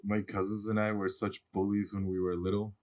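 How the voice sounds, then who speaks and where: A man's voice: on the low side, level tone, fairly quick, darkish tone. A man co-hosting a casual podcast, laid-back and laughing often as he tells stories. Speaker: podcast co-host. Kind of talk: casual chat. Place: home room, seated on couch.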